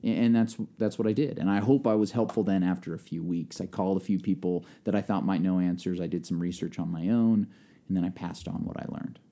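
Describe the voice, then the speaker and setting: A man, a pastor co-hosting a podcast, talking in a lively, conversational way with frequent restarts. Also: deep voice, brisk. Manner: lively, talkative, restarts and acts out quotes. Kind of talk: casual podcast chat.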